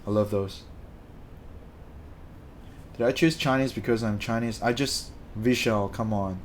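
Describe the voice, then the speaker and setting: Unhurried and lowish in pitch, a young Malaysian man chats with his live-stream audience, rambling and self-correcting as he responds to them. The audio carries a slight hiss or hum.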